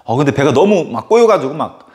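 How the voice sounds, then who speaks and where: A man who teaches middle-school history, telling a casual anecdote in a lecture with animated storytelling and lots of filler words. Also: medium pitch, brisk. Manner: animated storytelling full of filler words and sudden acted outbursts.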